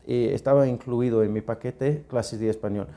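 Speaking halting learner's Spanish peppered with English words, this podcast co-host is an Englishman, a native speaker with an English accent, keeping the chat casual. His medium-pitched voice sounds mellow, with fairly even intonation.

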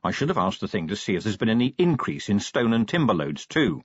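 A man's voice: fairly low pitch, sing-song, fast talker, husky, no room sound. Man doing a brusque, weary watch commander. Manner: brusque, dry, matter-of-fact. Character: gruff weary middle-aged male city watch commander. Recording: dull dry studio recording.

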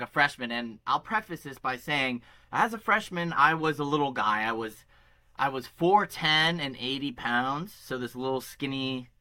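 A man's voice: mid-range voice, bright, forceful tone. A man co-hosting a podcast, chatting casually and telling a rambling, self-deprecating story. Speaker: podcast co-host. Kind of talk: casual chat.

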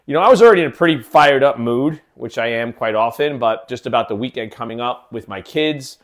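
A man's voice: medium pitch, animated, fairly quick. A man hosting his own podcast in a casual solo talk, rambling with many fillers and restarts. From living in Kansas City. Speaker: podcast host.

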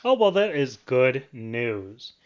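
With a clear, resonant mid-range voice on dull audio, a young man hosting student radio opens with a scripted introduction and then interviews conversationally. He is very animated and takes it slowly.

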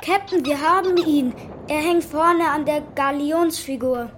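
A woman's voice: high-pitched, unhurried, noisy background. A woman playing a cheeky crew member in a seafaring audio drama. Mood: brisk. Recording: busy chatter behind the voice.

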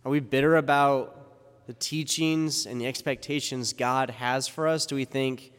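A man's voice: mid-range voice, steady tone, moderate pace, fairly bright tone, clean tone. A man reading the gospel and preaching a conversational homily, full of rhetorical questions, his voice carrying a cathedral-like echo. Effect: cathedral-like church echo. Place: large church. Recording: long reverb in a large church.

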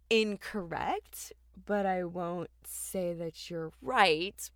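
A woman co-hosting a podcast in casual, bantering chat, speaking with animated emphasis from inside a walk-in closet. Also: lowish voice, clean tone, dry recording, clean studio sound. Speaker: podcast co-host. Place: walk-in closet in a small apartment.

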